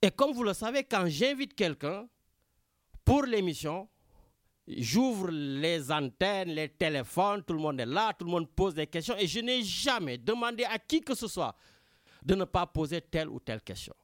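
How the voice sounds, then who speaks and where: Senegalese guy hosting a radio talk show, lively up and down voice, slightly high, dry close mic. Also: unhurried, no room sound. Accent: Senegalese French. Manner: animated, repeats himself, addresses Richard often. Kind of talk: casual talk show commentary. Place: Marseille.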